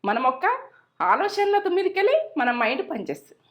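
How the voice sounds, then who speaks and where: A middle-aged woman runs a cooking channel, chatting casually, offering homely advice and repeating herself along the way. Her voice is very high-pitched with big swings in pitch, and she talks fast. The recording sounds muffled.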